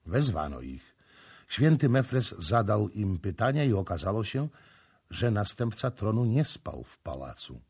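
Slow, husky male audiobook narrator. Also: fairly low pitch, big pitch swings, darkish tone. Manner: measured, dramatic reading.

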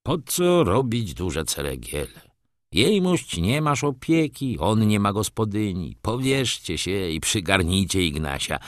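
A man's voice: lowish voice, dry recording, studio quality. A man voicing a gloomy old clerk who grumbles that the world is getting worse, in an audiobook reading. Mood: persuading. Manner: grumbling, head-shaking complaint.

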